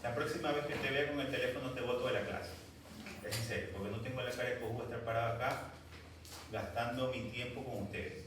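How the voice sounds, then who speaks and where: This is a man lecturing medical students in a classroom, at times stern and scolding. His medium-pitched voice holds a steady tone and moves fast. The recording picks him up from far off in an echoey room with background noise.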